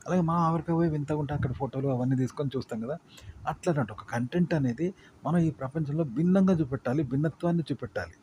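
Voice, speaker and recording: A man's voice: fairly high pitch, fast, noisy background. A man explaining in a casual, rambling spoken lesson, repeating points with fillers. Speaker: content creation teacher.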